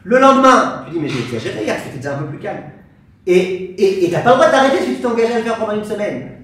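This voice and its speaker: High-voiced rabbi in an echoey hall. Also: male voice, racing. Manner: animated, acts out angry exchanges, asks the audience questions. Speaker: rabbi teaching a class. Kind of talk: lively Torah lesson to an audience. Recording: very echoey room, voice from far off, faint hiss.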